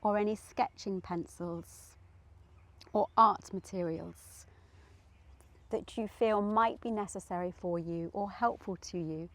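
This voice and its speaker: Short, deliberate phrases and lengthy pauses mark this woman's gentle, soothing guided meditation, delivered in a medium-pitched voice.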